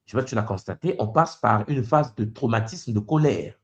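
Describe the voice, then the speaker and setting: Lively, probing man leading a debate. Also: fairly low pitch, brisk. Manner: probing, interrupts to press a point. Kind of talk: conversational debate.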